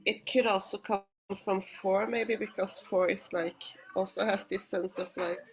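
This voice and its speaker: A woman's voice: mid-range voice, fairly even intonation, measured pace, slightly rough, low-quality recording. A woman co-hosting a casual chat, hesitant and searching for words. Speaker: podcast co-host.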